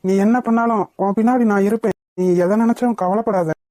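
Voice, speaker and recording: A steady young husband in a cartoon, voiced by a woman, speaking in a mellow, mid-pitched voice. He coaxes and reassures calmly. The sound is dry and close-miked. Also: brisk, dry recording, natural voice. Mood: reassuring. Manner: coaxing, reassuring. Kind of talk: cartoon voice acting.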